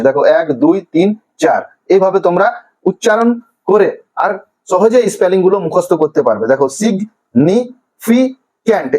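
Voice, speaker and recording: A man from Bengal with a notably high voice, walking young pupils through vocabulary. He stretches each word out slowly, syllable by syllable, like a patient classroom teacher. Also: a little mellow, poor audio. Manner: slow, drawn-out pronunciation of each word by syllables. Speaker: primary school English teacher. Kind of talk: classroom lesson explaining vocabulary.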